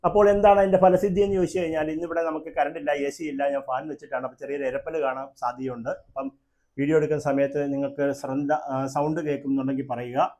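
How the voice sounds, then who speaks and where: A man who is a temple priest and astrologer, speaking with a Kerala Malayalam accent and explaining a horoscope slowly, counting houses aloud and answering his own questions, in a room with a fan running. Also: fairly high pitch, level tone, dark tone. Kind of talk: astrology lesson to camera.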